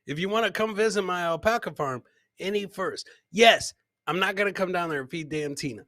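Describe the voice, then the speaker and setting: A middle-aged man hosts a live comedy show, bantering casually with chat, reacting to clips, and repeating phrases like a hype man. His voice sits high and runs a little fast, pushed and bright. The close boom podcast mic or headset gives a clean, echo-free studio sound.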